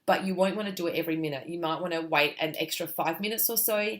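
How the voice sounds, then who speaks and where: A woman giving parenting sleep advice to camera in a relaxed, reassuring way, checking in often with "okay?". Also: fairly low pitch, fast talker. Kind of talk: talking-to-camera advice video.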